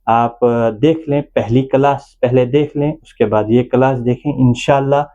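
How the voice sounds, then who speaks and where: Speaking in a steady, dark, mid-range voice, this Quran reading teacher, a native Urdu speaker, patiently walks through the Arabic alphabet one step at a time in an online class. The high frequencies of the recording are cut off.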